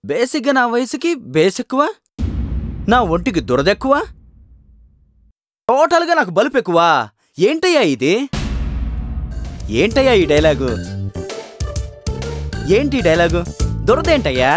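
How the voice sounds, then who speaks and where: An actor playing a pompous middle-aged film director who scolds in a sing-song, mocking way. His pitch swings widely as he sneers at the dialogue. Music runs under the scene. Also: very animated, unhurried, pauses often, exaggerated voice. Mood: scolding. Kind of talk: comedy short film acting.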